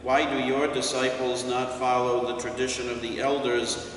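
An older man, a priest, reading scripture and preaching a homily in a slow, measured way from a lectern in a church. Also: mid-range voice, completely flat delivery, fairly bright tone, slight background noise. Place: church sanctuary in front of a stained-glass window. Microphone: distant camera mic. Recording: echoey church from a distance.

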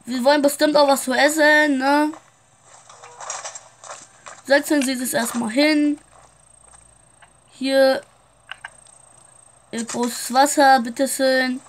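A woman's voice: high-pitched, steady tone, slow, long pauses, slight background noise. A woman playing a shopkeeper in a casual game roleplay, chatting straight to her viewers. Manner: chatty, keeps addressing viewers.

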